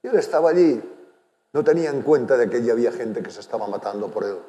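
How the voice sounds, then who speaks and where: A man preaching a sermon, earnest, swinging from loud emphatic lines to hushed ones. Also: mid-range voice, lively intonation, quick pace, echoey room, long reverb tail. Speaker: pastor. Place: church hall.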